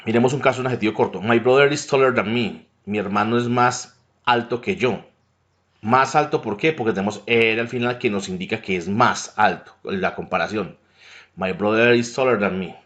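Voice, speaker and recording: A man's voice: on the low side, normal speed, a bit bright. A man explains English grammar over slides, often checking in with tag questions. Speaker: English teacher. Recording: dull lo-fi recording.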